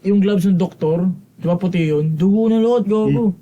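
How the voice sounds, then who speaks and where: Filipino young man, mellow voice, crude jokes. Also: high-pitched, moderate pace, dull audio. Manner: crude, storytelling, swears often. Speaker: podcast co-host. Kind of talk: casual banter. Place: recording studio.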